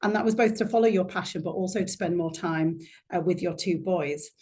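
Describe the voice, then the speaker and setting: A woman's voice: on the low side, fairly quick, darkish tone. A woman hosting a podcast interview, chatty and effusive, introducing her guest with many restarts. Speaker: podcast host.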